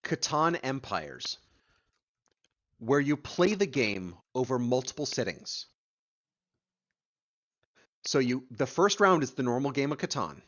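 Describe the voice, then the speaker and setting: A man's voice: mid-range voice, very animated, slow pace, pauses often, a bit bright, muffled recording. A man on a pop culture podcast, chiming in eagerly during casual chat. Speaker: podcast co-host.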